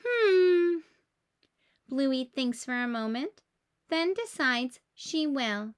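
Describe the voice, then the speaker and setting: High, bright woman reading a picture book aloud. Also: slow, smooth. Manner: expressive, acts out the dialogue.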